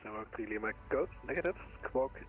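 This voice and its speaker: A man working as an air traffic controller, reading out clearances in set phraseology, heard over a pilot headset radio. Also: medium pitch, lively intonation, a little fast, narrow, tinny audio. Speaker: air traffic controller in an online flight simulation. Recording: radio transmission with music behind.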